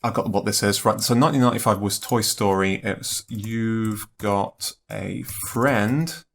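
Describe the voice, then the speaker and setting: A young man thinking aloud in a let's play, musing and unhurried, trailing off into half-spoken guesses. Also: lowish voice, vocal fry. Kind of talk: thinking-aloud puzzle commentary.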